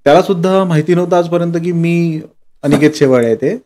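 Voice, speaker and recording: A man's voice: fairly high pitch, brisk. Man telling workshop stories. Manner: relaxed storytelling with quoted dialogue. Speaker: sculptor guest. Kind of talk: casual podcast conversation.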